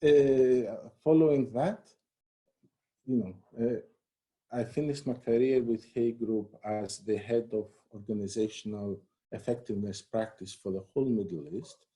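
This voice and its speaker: A man from Greece talks about his career as an interview guest, relaxed and conversational, with plenty of "you know" and small restarts. His voice is dark and mellow. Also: medium pitch, measured pace. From Greece and the United States. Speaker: head of human resources, interview guest. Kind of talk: live-streamed interview.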